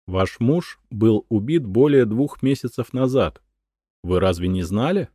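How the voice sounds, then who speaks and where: A man voicing a calm young man who speaks gently and coaxingly, in an audiobook. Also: mid-range voice, unhurried, dry recording, clean studio sound, voice pushed up.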